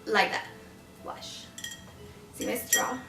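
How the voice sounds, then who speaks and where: A woman's voice: slow pace, pushed and bright. A woman presenting a goofy homemade class video, rambling, joking and stumbling over words. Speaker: student presenter. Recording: echoey room, voice far from the mic, music behind.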